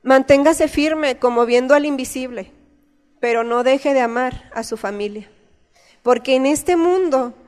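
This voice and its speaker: A woman's voice: high voice, unhurried, a little mellow, clear, resonant tone. A woman in her thirties with a Mexican accent, giving an earnest, conversational sermon in a church, telling personal stories. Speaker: church speaker. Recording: long reverb of a church hall.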